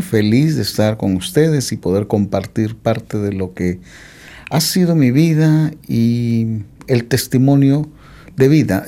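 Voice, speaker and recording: Gravelly-voiced man telling his life story. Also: mid-range voice, dark tone. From Mexico. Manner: hesitant, with frequent "eh" fillers and restarts. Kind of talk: testimony in an interview.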